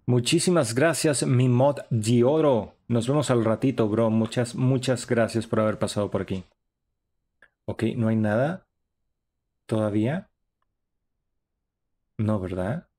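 A man's voice: medium pitch, a little slow, long pauses, darkish tone. A young man, giving chatty, upbeat running commentary while streaming a horror game. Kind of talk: live gaming stream commentary.

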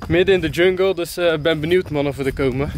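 A man's voice: fairly high pitch, quick pace, a little hiss or hum. A young man chatting on a travel vlog, upbeat and casual, often tagging his sentences with "man", filmed on a handheld camera. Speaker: travel vlogger. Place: outdoors and in a parked minivan.

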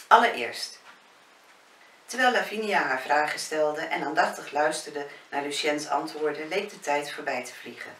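A woman author reading her own novel aloud in a calm audiobook narration. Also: deep voice, moderate pace, few pauses. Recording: roomy, distant, faint hiss.

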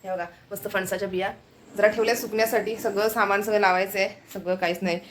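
A woman's voice: medium pitch, steady tone, fast talker, slight background noise. A woman from the Konkan in India, chatting casually and rambling to her viewers in a home vlog, laughing often. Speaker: vlogger.

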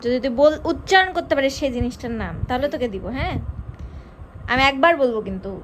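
A woman's voice: high-pitched, animated, fast talker, slight background noise. A woman family vlogger chatting playfully and teasing friends as she films her day. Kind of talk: casual vlog chat. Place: outdoor fair and home.

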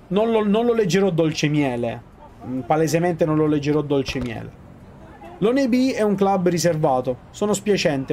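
Chatty gaming guy doing a let's play, a little high-pitched, keeps correcting himself. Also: mellow, a little hiss or hum. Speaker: gaming video host.

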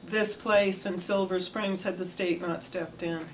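A woman's voice: on the low side, unhurried, background noise. An older woman reminiscing in an interview, telling her story animatedly. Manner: animated storytelling, gestures with hands. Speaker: oral history interviewee. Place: indoor room before flags.

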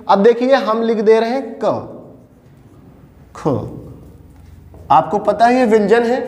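A man's voice: high-pitched, a little mellow. A man teaching a Hindi grammar lesson, who asks his class questions and answers them himself and repeats the key points. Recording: echoey room with reverb.

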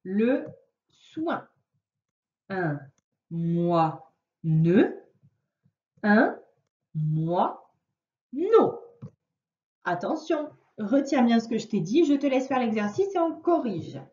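A woman's voice: on the high side, sing-song, slow pace, long pauses, dark tone. A woman teacher giving a patient reading lesson to a young child, sounding out words syllable by syllable. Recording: roomy, distant, dull lo-fi sound.

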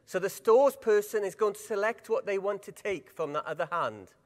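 Speaking at a moderate pace, this middle-aged man from Wales leads a conference workshop in a voice pitched a touch high. He's animated and draws listeners in, repeatedly asking them questions, while a large hall gives his words a long echo.

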